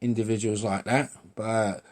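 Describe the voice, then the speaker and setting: A man's voice: on the low side, flat delivery, a little slow, darkish tone. Blunt British man, fifties, swearing vlogger ranting straight to camera, repeats himself. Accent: British English. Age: 50s. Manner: blunt, repetitive, swears a lot, says mate. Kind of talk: blunt opinion rant.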